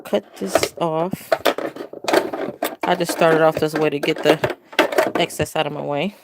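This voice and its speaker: A woman's voice: low voice, steady tone, measured pace, heavy background noise. An older woman hosting a casual crafting livestream from home, chatting in a rambling, self-correcting way. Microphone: phone camera.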